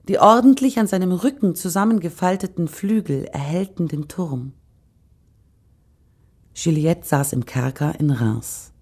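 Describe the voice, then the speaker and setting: Woman narrator, low voice, calm first-person storytelling, scripted narration. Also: slightly rough.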